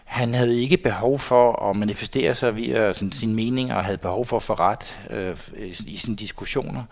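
A man's voice: on the low side, gravelly, darkish tone. A man in his sixties, a guest in a studio interview, looking back on the past with lots of hesitations. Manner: hesitant, many fillers and restarts. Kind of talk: reminiscing interview talk.

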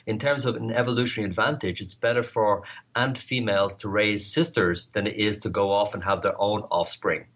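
Male expert guest, low voice, explanatory interview talk in plain, vivid terms. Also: a bit bright.

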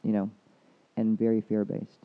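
A man's voice: fairly low pitch, completely flat delivery, moderate pace. A man hosting a casual podcast as a coach, rambling with many restarts. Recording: dull lo-fi sound.

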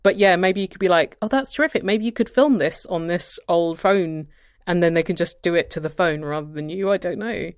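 A woman's voice: on the low side, brisk, clear, resonant tone, no echo. A woman hosting a podcast, chatting casually with a wry, dry sense of humour. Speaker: podcast host. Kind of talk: casual chat.

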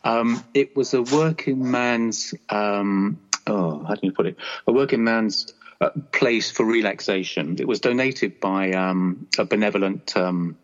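A man's voice: fairly low pitch, measured pace. A man talking casually as an interview guest, hesitant and often searching for words. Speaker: show guest. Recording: dull lo-fi audio.

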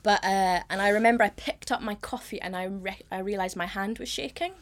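A woman's voice: mid-range voice, fairly quick, background noise. Candid woman telling a story. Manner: frank, self-deprecating, swears casually. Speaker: playwright guest.

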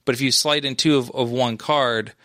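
A man co-hosts a laid-back gaming podcast and works through his points with frequent restarts and fillers. His voice sits at an ordinary pitch and is recorded close and dry, with no room sound. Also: steady tone, moderate pace, a bit bright, no room sound. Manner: rambling, many restarts and fillers. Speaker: podcast co-host. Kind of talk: casual esports chat.

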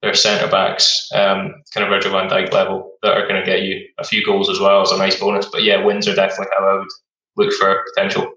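A man's voice: deep voice, monotone, fast, bright, forceful tone, highs cut off. A man casually explaining how a football game works, as a guest on a show, in an echoey room.

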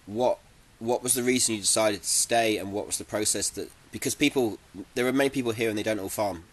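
A man interviewing a farmer, asking questions in a halting way with repeated words. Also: on the low side. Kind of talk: casual interview. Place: polytunnel on a farm.

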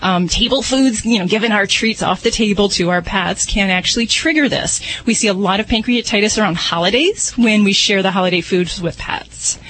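A woman's voice: mid-range voice, normal speed, few pauses, fairly bright tone, a little hiss or hum, rough recording. A woman speaking as a radio veterinarian, explaining things in a casual, conversational way. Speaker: veterinarian radio host giving advice.

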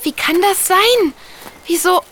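A woman's voice: extremely high pitch, slow, a bit bright, exaggerated voice. A woman voicing an eight-year-old girl turned fairy in a children's audio drama, confused and stammering questions. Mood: bewildered.

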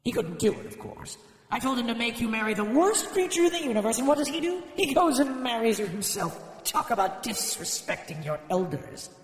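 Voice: medium pitch, big pitch swings, a little fast, reverberant, big-room sound, voice pushed up, natural voice. A storyteller voicing a haughty, scornful goddess who talks down to a mortal. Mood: mocking. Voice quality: mocking, condescending. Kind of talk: storytelling podcast voice acting.

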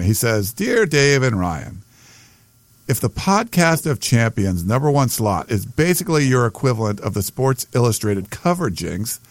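A man's voice: mid-range voice, no echo. An American man co-hosting a sports podcast in casual chat, hesitant and circling back over his phrases.

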